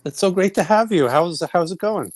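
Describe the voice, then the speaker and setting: A middle-aged man from Brooklyn, New York, hosts a podcast of casual chat and interview, talking in a chatty, rambling way. His voice sits high, with lively intonation and a moderate pace, and there's no room sound.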